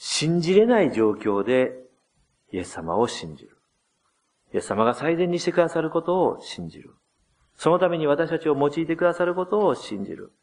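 A man preaching a sermon as pastor, gently explaining and addressing the congregation, dramatizing quoted words with changes in voice. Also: very animated, normal speed. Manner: dramatizes quoted words with shifts of pitch and loudness.

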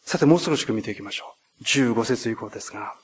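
Husky earnest male pastor preaching. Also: mid-range voice, expressive. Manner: earnest preaching with emphatic rises and pauses. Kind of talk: sermon.

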